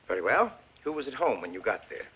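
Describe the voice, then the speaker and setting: An actor playing a courtroom attorney who questions a witness in a measured, coaxing way, in a 1940s film drama. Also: male voice, on the low side, very animated, a little hiss or hum. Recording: dull old film soundtrack.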